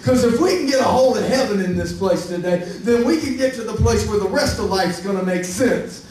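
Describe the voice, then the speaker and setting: A man's voice: brisk, a little mellow. A man preaching a sermon as pastor, building his points with rising emphasis and calls out to his church. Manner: high-pitched, preaching with rising emphasis and call-outs to the church. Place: large church hall. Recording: echoey church hall from far off, faint hiss.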